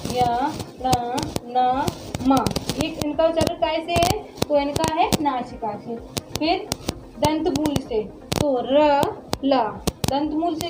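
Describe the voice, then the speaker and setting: A woman's voice: sits high, reverberant, noisy background. A woman teaching Hindi pronunciation, sounding out syllables one by one and answering her own questions. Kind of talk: classroom lesson on pronunciation.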